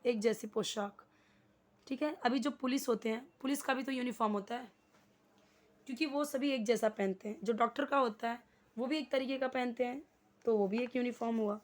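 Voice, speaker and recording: Woman, teacher, higher voice, repeats example sentences slowly. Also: a little mellow. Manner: explains in Hindi with slow, deliberate English examples. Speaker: English teacher. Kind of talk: slow classroom explanation.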